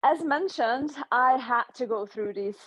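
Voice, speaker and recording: A woman in her thirties, from Hungary, telling her story as a guest in a conversational interview, thoughtful and pausing with soft laughs. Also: a little high, animated, no room sound, rough recording. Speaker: guest, nutritional therapist.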